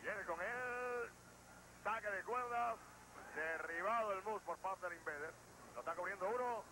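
High-pitched male lucha libre announcer. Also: measured pace, bright, forceful tone. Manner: emphatic, running blow-by-blow calls. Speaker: lucha libre ringside announcer and play-by-play commentator. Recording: noisy, degraded 1980s TV tape.

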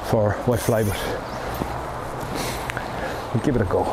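An older Irish man stands by a river chatting casually about fly fishing, explaining in a relaxed how-to way with ums and asides. His voice is on the low side at a measured pace. A camera on the bank picks him up from a distance over flowing water and wind.

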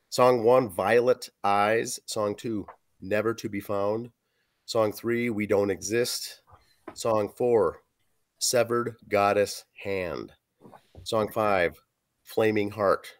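A hoarse, lowish-voiced man in his forties chats casually as a podcast co-host reviewing an album, reading facts and track lists from notes with fillers. He joins via a video call webcam from a small room at home.

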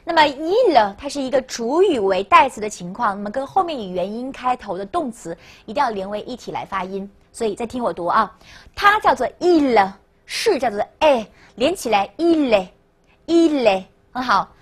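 A woman teaching a language lesson, coaxing and repeating words slowly for students to echo. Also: a little high, sing-song, a bit bright, husky. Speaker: French teacher.

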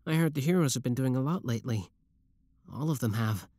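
This man's mid-range voice is warm, animated and brisk, natural-sounding, with no room sound at all. Speaking closely to the listener in a roleplay audio drama, he acts as a lovestruck schoolboy yandere who goes from shy to smug and obsessive. His mood comes across as bashful and hesitant.

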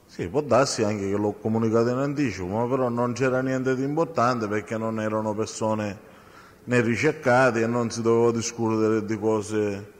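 A man's voice: fairly low pitch, steady tone, normal speed. A man testifying in a courtroom, giving short, terse answers under questioning. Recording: echoey courtroom with long reverb.

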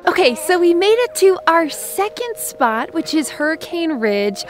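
Bubbly high-voiced young woman vlogging. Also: very animated, measured pace, soft background music. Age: young adult. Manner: bubbly, chatty, laughs often. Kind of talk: casual travel vlog. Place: outdoors on a mountain trail and later a hotel room. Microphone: handheld camera at arm's length.

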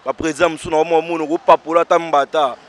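Telling his story casually to an interviewer, a male stage comedian and actor swings from energetic bursts to soft asides to loud exclamations. He speaks quickly, with a voice on the high side.

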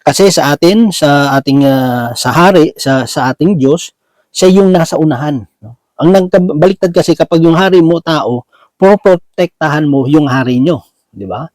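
A man's voice: fairly high pitch, animated, moderate pace, a little mellow, dry recording, low-quality recording. A man preaching a Bible sermon in a casual, conversational way, often asking his listeners "right?", mixing in English words, and restarting as he searches for words. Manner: mixes English words into Tagalog.

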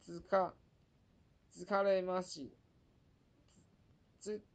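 A woman teaching a Japanese pronunciation lesson in Mandarin, repeating words slowly and drawing out their sounds. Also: fairly low pitch, level tone, a little mellow. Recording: dull lo-fi recording.

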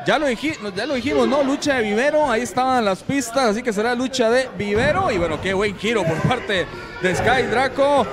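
A man giving excited, exclamatory play-by-play as a wrestling commentator. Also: very high voice, brisk. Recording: loud crowd behind. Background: cheering wrestling crowd in a hall.

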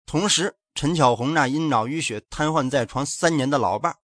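A man's voice: a little high, fairly quick, fairly bright tone, dry recording. A male narrator telling a true-crime story in a dramatic, suspenseful way.

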